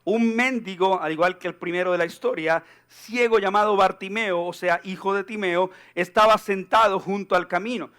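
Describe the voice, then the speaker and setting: A man preaching a sermon as pastor in a church, animated and joking, acting out the people he quotes. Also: high voice, moderate pace, few pauses.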